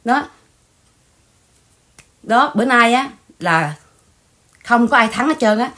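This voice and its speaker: A woman hosting a casual livestream chat, animated and repetitive, speaking straight to her viewers. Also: on the high side, slow. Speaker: channel host.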